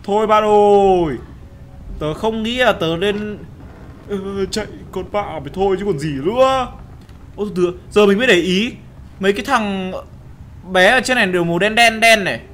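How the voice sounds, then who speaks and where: A young man playing a horror game while he talks, yelping and shouting at every scare and muttering quietly when he sneaks around. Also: sits high, normal speed, a little hiss or hum. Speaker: gaming channel host. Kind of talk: horror game let's play commentary.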